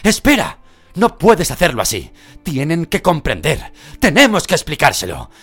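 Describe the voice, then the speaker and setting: A man's voice: lowish voice, very animated, measured pace, husky, voice pushed up, exaggerated voice. A man voicing a middle-aged wizard teacher who pleads in a raised voice and explains patiently. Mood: urgent.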